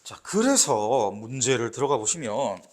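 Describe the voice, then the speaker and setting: A man's voice: medium pitch, very animated, measured pace, darkish tone. A man teaching literature for exams, explaining step by step and often checking with "right?". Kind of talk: exam lecture.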